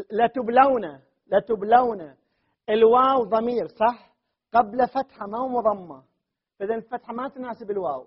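A man's voice: very high-pitched, breathy edge. A man teaching a classroom grammar lesson. He drills word forms aloud again and again and keeps checking with his students. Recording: dull lo-fi classroom recording.

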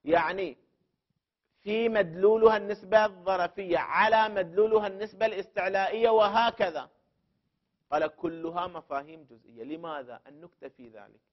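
In a dull, lo-fi recording, a man with a high, brisk voice gives a classroom lecture on legal theory as a teacher of jurisprudence principles. He builds his argument step by step, repeating key terms for emphasis, and speaks directly to the student with questions.

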